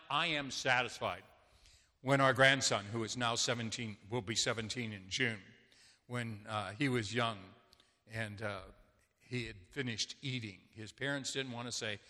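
A man's voice: medium pitch, pushed and bright. An older man preaching a sermon as pastor, talking conversationally with homely stories. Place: church sanctuary. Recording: long church reverb.

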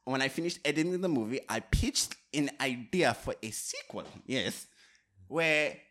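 A man putting on a pompous, self-important movie director with a phony French air, who stumbles and repeats himself while boasting deadpan. His voice sits at an everyday middle pitch. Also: normal speed, close to an everyday voice. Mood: deadpan boastful. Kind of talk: improvised comedy role-play.

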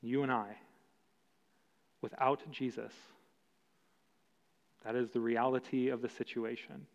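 Male pastor, measured emphatic sermon delivery, muffled recording in a large reverberant room. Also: mid-range voice, flat delivery, vocal fry. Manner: slow, emphatic preaching with long pauses. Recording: dull sound with long hall reverb.

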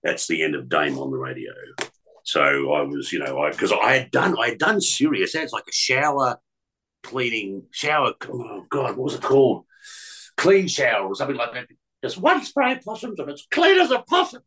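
Australian radio veteran in his fifties, bright, chatty storyteller. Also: on the low side, normal speed, low-quality recording. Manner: chatty storyteller, slips into impressions, frequent restarts. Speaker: radio announcer and voice artist. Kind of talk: casual anecdotal interview.

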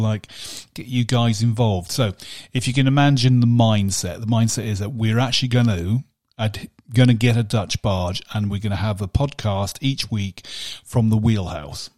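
A man's voice: lowish voice, moderate pace, few pauses, darkish tone, dry recording, studio quality. A man in his fifties co-hosting a podcast, chatting in a rambling, jokey way with many restarts. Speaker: podcast co-host. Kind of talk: casual chat.

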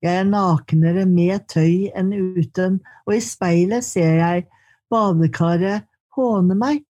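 A woman reading her poetry aloud in slow, measured lines, then answering questions in conversation. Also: lowish voice, warm tone, muffled recording. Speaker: poet and guest.

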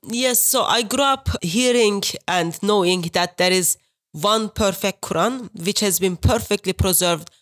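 A woman from Turkey with a Turkish accent, Turkish her first language, telling her story as a guest over a video call in an earnest, measured way. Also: mid-range voice. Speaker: guest, street preacher. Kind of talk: interview, personal account.

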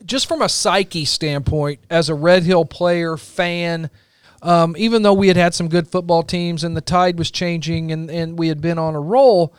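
A man's voice: a little high, steady tone, normal speed, smooth, no echo, clean studio sound. A man co-hosting a casual sports chat, talking informally and emphatically as a fan. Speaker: podcast co-host.

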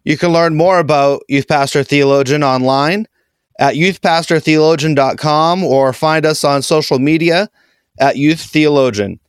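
A man's voice: fairly high pitch, moderate pace, smooth, no echo, studio quality. A man with a Boston accent hosting a podcast interview in a chatty, self-deprecating way over a video call. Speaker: podcast host. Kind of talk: casual interview.

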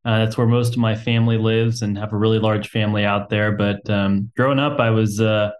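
A young Texan who co-founded a company appears as a podcast guest, speaking fairly quickly in a lowish, flat voice. He talks casually, says "um" a lot, and leans on self-deprecating humor.

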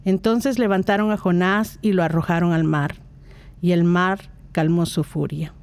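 A reader calmly reading an Old Testament passage in a measured liturgical style. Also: mid-range voice, clear, resonant tone, dry recording. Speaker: scripture reader.

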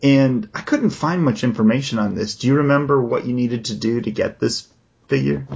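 Husky creaky guy hosting a podcast, casual, slightly dull audio. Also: medium pitch, moderate pace, darkish tone. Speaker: podcast host.

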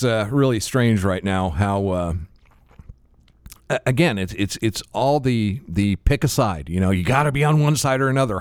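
A low-pitched American man co-hosts a casual podcast in a dry, close sound. His speech is slightly slurred and lisping. He talks haltingly, often repeating words as he goes. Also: darkish tone, no room sound. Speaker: podcast co-host. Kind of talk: casual chat.

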